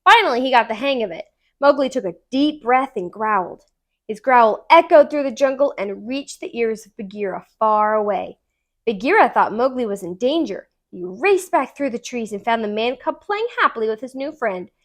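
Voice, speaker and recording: A tutor's fairly high female voice tells a children's story. She reads in a deliberate, expressive manner suited to young listeners.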